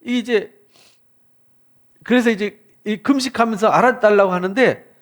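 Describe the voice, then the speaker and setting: Korean pastor guy, high voice, fired up sermon, keeps asking the crowd questions and doing little voices. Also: unhurried. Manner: animated, questioning the listeners, acting out voices of the people. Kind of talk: expository sermon.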